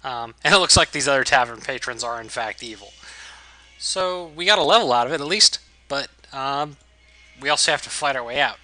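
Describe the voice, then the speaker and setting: A man with a very bright, sharp voice and average pitch hosts a let's play. His commentary is casual and wry, delivered with amused understatement. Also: lively intonation, brisk, faint music behind, rough recording. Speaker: gaming video host.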